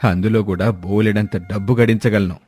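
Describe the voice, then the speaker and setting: A man's voice: fairly low pitch, steady tone, normal speed, a little mellow, husky. Man playing a harsh drunk husband, storybook tale, faint music behind. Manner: harsh, bullying. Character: drunk, abusive middle-aged husband, gambler.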